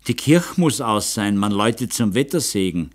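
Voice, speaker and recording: A man as a measured, deferential doctor. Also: fairly low pitch, expressive. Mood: somber. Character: cautious male doctor, careful and tactful.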